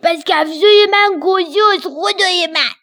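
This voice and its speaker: A woman voicing a messy, flustered young storybook character, whiny and hurried. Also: sits high, steady tone, voice pushed up, lightly acted. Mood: upset.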